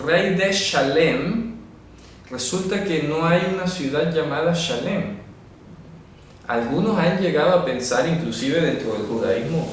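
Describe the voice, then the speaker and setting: Standing at a writing board, a man with a fairly bright voice on the high side walks listeners through a Bible lesson, pausing often to ask whether they're following. The room echoes heavily, the camera mic sits far away, and there's faint background noise.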